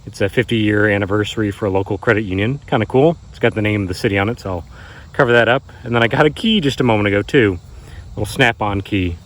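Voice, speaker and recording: A man's voice: on the low side, fast. A man in his thirties narrating a casual treasure hunter vlog, marveling at his finds and speaking straight to viewers. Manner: marveling exclamations, addressing viewers directly. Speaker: metal detecting treasure hunter, vlogger. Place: outdoors in grassy and wooded areas. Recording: noisy outdoors with insects and vehicles.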